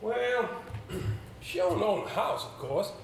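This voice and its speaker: On a roomy indoor stage with some background noise, a man acts in an amateur play as an avuncular older solicitor, a senior boss who rambles yet is brisk. His voice is high, expressive, and exaggerated, delivered at a slow pace with hesitant, musing throat-clearing.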